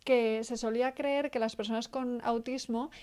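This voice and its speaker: Woman interviewer, measured and careful questioning, somewhat high voice. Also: steady tone, darkish tone.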